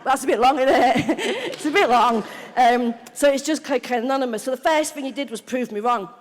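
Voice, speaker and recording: A woman's voice: high voice, fairly quick. British woman sharing her story in a hall. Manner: frank, animated storytelling with swearing and mock quotes of herself. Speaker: main speaker at a recovery convention. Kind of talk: personal recovery testimony to a live audience. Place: large convention hall. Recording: long reverb of a large hall.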